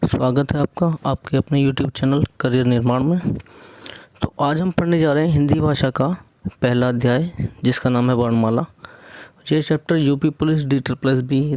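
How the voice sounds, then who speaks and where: A man's voice: medium pitch, mellow, no echo. A young man teaching a Hindi grammar lesson for exam preparation, explaining step by step, mixing in English words and often checking in with "theek hai".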